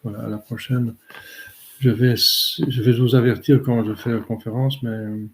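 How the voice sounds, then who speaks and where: A man, a priest giving a catechism talk and answering questions in a halting way with many fillers. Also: medium pitch, flat delivery, slight background noise.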